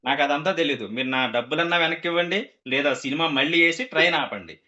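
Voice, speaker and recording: A man's voice: fairly high pitch, rapid-fire, bright, forceful tone, highs cut off. A man telling a comic story to a group, acting out the characters' quoted lines.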